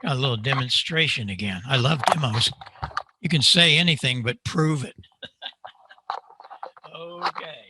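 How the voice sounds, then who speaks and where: Over a video call mic, an older microphone maker gives a guest talk to a club, demonstrating with energy and posing rhetorical questions to himself. His voice sits mid-range and he speaks unhurriedly with long pauses, against a noisy background.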